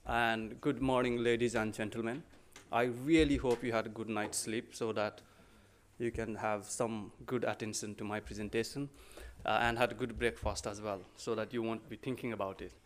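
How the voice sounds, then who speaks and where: A man's voice: on the low side, level tone, normal speed. A middle-aged man from Nepal presenting at a podium in a conference hall, speaking politely with frequent ums and restarts. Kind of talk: conference talk with slides.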